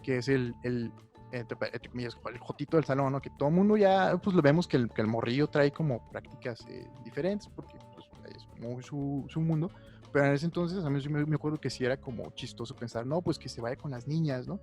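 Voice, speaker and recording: A young man with a Mexican accent co-hosting a podcast, talking in an animated, slangy, opinionated way. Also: mid-range voice, fairly quick. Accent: Mexican Spanish. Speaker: podcast co-host. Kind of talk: casual chat. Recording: faint music behind.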